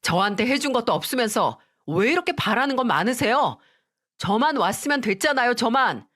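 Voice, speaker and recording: A woman's voice: fairly high pitch, very animated, normal speed, fairly bright tone, voice pushed up. Woman voicing a resentful, complaining grown son. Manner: complaining, defensive. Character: resentful grown son, whining at his father.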